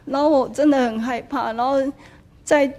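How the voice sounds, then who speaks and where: Higher-voiced Taiwanese woman telling her story. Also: steady tone, normal speed, a little mellow. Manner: storytelling, slips into Taiwanese Hokkien for quotes. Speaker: attendee asking a spiritual teacher. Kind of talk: personal testimony in a dharma hall.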